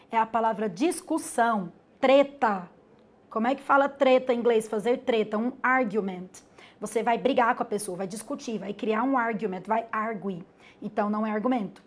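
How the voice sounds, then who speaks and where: A woman with a Brazilian accent, an English teacher giving a live webinar lesson in a chatty way, calling herself "the teacher" and often tagging "né?" onto her points. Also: fairly high pitch. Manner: chatty, calls herself "the teacher", frequent "né?" tags.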